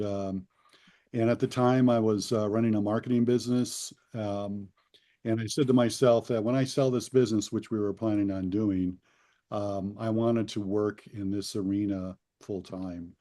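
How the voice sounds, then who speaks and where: Low-voiced man, rambling self-introduction. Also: normal speed. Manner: relaxed, rambling with many fillers. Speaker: tour company guide. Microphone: video call.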